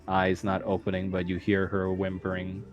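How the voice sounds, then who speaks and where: A man narrating a tabletop role-playing game as game master, describing scenes at an unhurried pace with some fillers. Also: low voice, completely flat delivery, muffled recording, music in the background.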